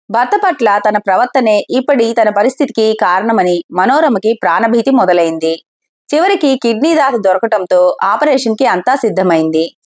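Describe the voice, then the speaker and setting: A woman storyteller reads a scripted story aloud, steady and expressive. Her voice sits a little high for a woman.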